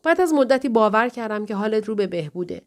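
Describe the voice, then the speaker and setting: Woman doing a pleading husband, earnest, talks it through steady. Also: fairly high pitch, close to an everyday voice. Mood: explaining. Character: distressed man pleading with his wife. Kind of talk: audiobook dialogue reading.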